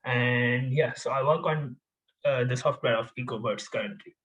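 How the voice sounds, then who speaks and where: A man's voice: mid-range voice, moderate pace, fairly bright tone, lo-fi sound. A man in his twenties from India, a podcast guest answering questions casually, with many fillers and restarts. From India, Gujarat. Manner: hesitant, many fillers and restarts, laughs while talking. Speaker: podcast guest, software engineer.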